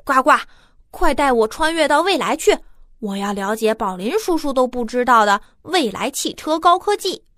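A woman's voice: sits high, animated, normal speed, fairly bright tone, no room sound, clean studio sound, faint music behind. A woman voicing an eager, cheeky, confident child in a children's audio story. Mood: eager, scheming.

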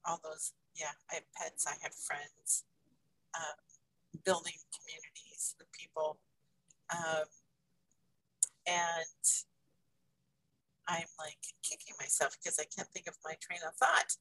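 A woman's voice: low-pitched, level tone, slow pace, long pauses, bright, forceful tone, breathy edge, low-quality recording. A woman hosting a casual interview, speaking hesitantly with many fillers. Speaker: host.

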